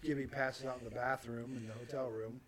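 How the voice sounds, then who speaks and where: A man's voice: medium pitch, level tone, quick pace. A man adding brief, laid-back remarks in a casual podcast chat.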